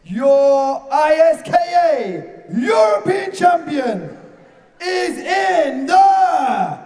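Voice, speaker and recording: A man working as a boxing ring announcer, delivering a dramatic, drawn-out, booming announcement to a live venue. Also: sing-song, darkish tone. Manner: drawn-out, booming build-up to the result. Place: fight venue, announced over loudspeakers. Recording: echoey venue PA, distant, crowd and music.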